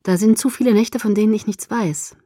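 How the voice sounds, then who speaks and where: A woman reading the lines of a gloomy, tender young male vampire lover in an audiobook, in a lower, hushed voice. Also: a little fast, dry recording, clean studio sound, natural voice. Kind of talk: audiobook character voice.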